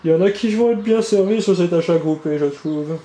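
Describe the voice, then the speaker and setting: Opening trading card boxes for his channel, a man rambles chattily and swears now and then. His warm voice sits high and moves briskly; the indoor room is echoey, birds can be heard outside, and there's slight hiss or hum.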